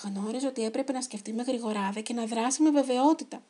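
A woman reading a children's story aloud in an expressive, animated way. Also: fairly high pitch.

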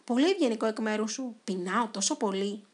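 A woman voicing a small, timid but brave male mouse in a storybook, urgent and squeaky. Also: expressive. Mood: grateful. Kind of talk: storybook reading.

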